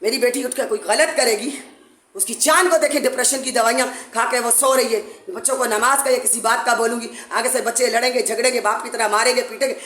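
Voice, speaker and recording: Woman, high voice, urgent accusing appeal, echoey room at home. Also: fairly even intonation, fast, a bit bright. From Pakistan. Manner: urgent, accusing, repetitive pleading. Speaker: mother making a public appeal. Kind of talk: impassioned complaint to camera. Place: her home, indoors.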